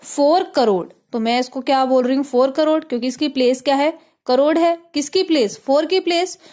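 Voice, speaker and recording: A woman with an Indian accent explains a math lesson in a high voice. She goes step by step and keeps checking if her students follow. English terms run through her talk. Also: steady tone, quick pace, darkish tone. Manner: explains step by step, asks "clear?" often; mixes English terms into Hindi. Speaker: teacher.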